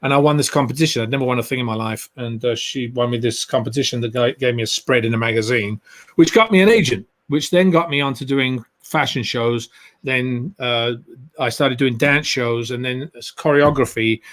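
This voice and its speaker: A man's voice: mid-range voice, brisk, fairly bright tone. Easygoing man with an English accent. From England. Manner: easygoing, rambling with frequent "you know". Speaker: guest actor. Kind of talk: relaxed interview storytelling.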